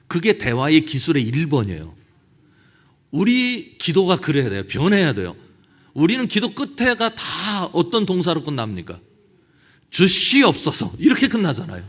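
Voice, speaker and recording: Lively-voiced man preaching a seminar talk. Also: a little high. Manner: storytelling, with quoted prayers acted out. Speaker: pastor. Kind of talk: lecture-style sermon at a church officers' seminar.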